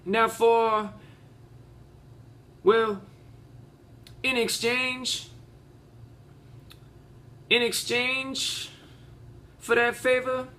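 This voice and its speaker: A male actor performs a Southern courtroom lawyer with a honeyed, theatrical drawl. The voice sits strikingly high for a man and has a bright, forceful edge. Phrases get deliberately repeated to press the case on judge and jury. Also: full character voice. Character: folksy, impassioned Southern male defense lawyer addressing a jury. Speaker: auditioning actor. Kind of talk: audition monologue, courtroom speech.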